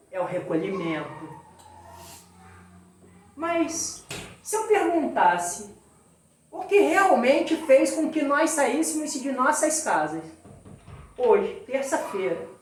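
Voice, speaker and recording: A woman's voice: a little high, a little mellow, echoey room, far from the mic. A woman with a Brazilian accent giving a spiritist sermon, putting rhetorical questions to her audience. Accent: Brazilian Portuguese. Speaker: spiritist lecturer. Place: spiritist center hall.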